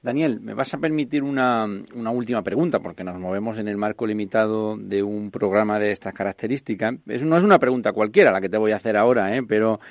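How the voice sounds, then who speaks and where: A man's voice: fairly low pitch, fast, few pauses, no room sound, clean studio sound. A man hosting a radio program, asking questions in a formal, courteous way. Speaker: radio show host. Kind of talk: radio interview.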